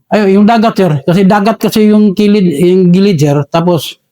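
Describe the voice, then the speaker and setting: A man's voice: high voice, fairly even intonation, moderate pace, warm tone. A Filipino man recounting a battle in an interview, deferential, adding "sir" after nearly every phrase. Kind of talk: interview storytelling.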